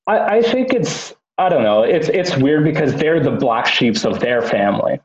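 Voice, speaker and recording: A man's voice: mid-range voice, very animated, normal speed. Man rambling with fillers, roomy lo-fi sound. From Canada. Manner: rambling, lots of fillers and restarts. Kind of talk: casual chat.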